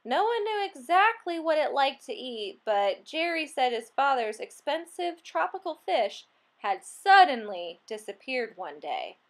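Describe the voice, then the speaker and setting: A woman reading a children's picture book aloud, expressive and playful, acting out the animal sounds. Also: sits high, measured pace. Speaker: storybook reader.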